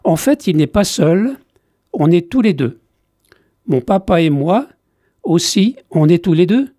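A curious, talkative little girl from a storybook, put on by a male reader in a high, piping child's voice. The delivery is slow and unhurried, the sound dry and close. Her tone stays lively and inquisitive. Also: no room sound, full character voice.

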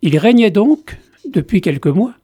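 A man reading a novel aloud in slow, deliberate scripted narration. His voice sits slightly high yet sounds dark and mellow. The recording is dry and close, with no room sound. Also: very animated, husky, dry recording. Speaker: reader of book excerpts.

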